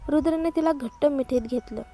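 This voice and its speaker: Woman narrating a story with pitch slightly high. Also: a little fast, warm tone, slight background noise. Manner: voices all the characters herself with little change of voice; small slips and restarts.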